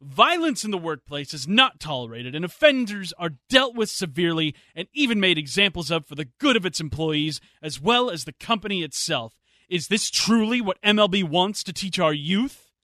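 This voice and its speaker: Stuffy old person put on by a man, pompous, indignant, bright, dry sound. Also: high-pitched, sing-song, normal speed, dry recording, heavily acted.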